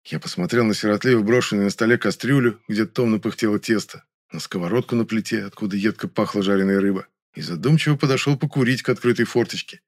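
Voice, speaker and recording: Male audiobook narrator, slightly low voice, measured and wry. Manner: measured, ironic storytelling.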